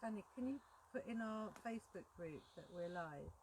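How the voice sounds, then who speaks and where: A woman's voice: mid-range voice, animated, moderate pace, a little mellow. A woman chatting casually to viewers as co-host of a paranormal live stream in the woods, with a wry, bantering way of talking. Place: outdoors in woods at night. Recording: noisy handheld live stream outdoors.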